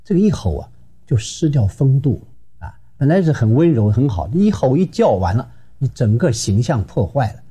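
Man, marriage counselor, emphatic lecture, husky tone, pitch swinging widely. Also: moderate pace. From Shenyang, Northeast China. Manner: lively and emphatic, acting out quarrels. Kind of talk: advice lecture.

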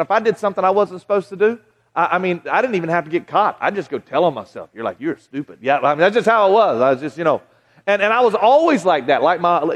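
With a fairly high-pitched voice and a big-room sound, a man in his forties from the Southern United States delivers a sermon to a live audience in a large hall. His Southern American accent suits the folksy, conversational delivery, which is marked by frequent restarts and asides to the crowd.

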